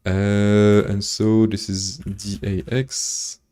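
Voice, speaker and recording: Low and slow, a Belgian programmer with French as his native tongue narrates his live coding session and responds to viewers in chat. The tone is level and mellow, and his thinking-aloud style is halting, full of fillers and restarts.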